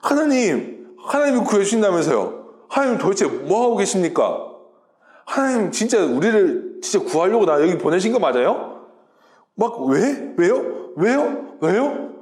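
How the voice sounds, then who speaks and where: A man's voice: high-pitched, big pitch swings, measured pace, a little mellow. A man voicing an upset prophet who pleads with and accuses God in a rising, complaining way. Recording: roomy echo.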